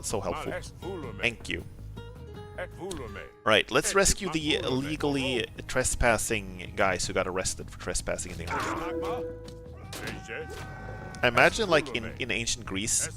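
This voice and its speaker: Animated male game streamer, chatty. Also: lowish voice, measured pace, pauses often. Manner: excitable, rambling, jokey. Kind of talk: casual live gameplay commentary. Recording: game music behind the voice. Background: video game music.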